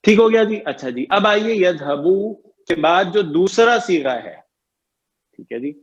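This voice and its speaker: A man with a fairly high voice leads an online grammar lesson. He talks patiently, repeats each point and keeps checking that his students understand. The audio is muffled, like a lo-fi call line. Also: lively intonation. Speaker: Arabic grammar teacher.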